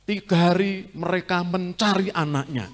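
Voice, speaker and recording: Middle-aged male pastor, Javanese accent, lively and teasing from the pulpit, slightly high voice. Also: normal speed. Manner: lively preaching, teasing and asking the congregation. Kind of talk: sermon.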